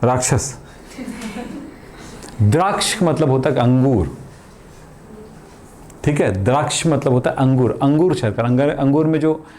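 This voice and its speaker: Teaching chemistry in a relaxed, talkative classroom style, a middle-aged man asks his own questions and answers them, draws on everyday examples, cracks jokes, and addresses students as "beta." He speaks at a medium pitch with a dark tone.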